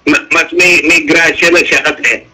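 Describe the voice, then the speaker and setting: Bright-voiced man telling a story. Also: on the high side, moderate pace, faint music behind, rough recording. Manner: animated storyteller, acts out quoted dialogue. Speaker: radio show guest. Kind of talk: casual radio interview chat.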